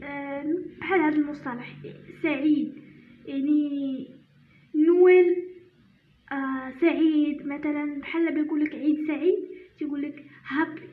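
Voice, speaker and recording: Woman, Moroccan accent, teacher, high voice, slow careful recitation, hesitant restarts, tinny echoey recording. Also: slight background noise. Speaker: language teacher. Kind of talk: recited poem reading and explanation. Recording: tinny phone-like sound in an echoey room.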